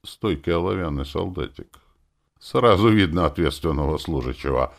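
A man narrating a fantasy novel in the first person, with expressive storytelling. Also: deep voice, normal speed, gravelly. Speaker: audiobook narrator.

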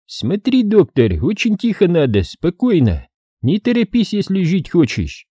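A sly, menacing militant captor, as a man voices him for an audiobook, speaking in a raised, lively pitch. He barks orders and mocks with feigned surprise. The voice is husky and warm, and the recording is dry. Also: a little slow, no echo, exaggerated voice. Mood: commanding. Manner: mocking, commanding, feigning surprise. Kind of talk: audiobook character reading.

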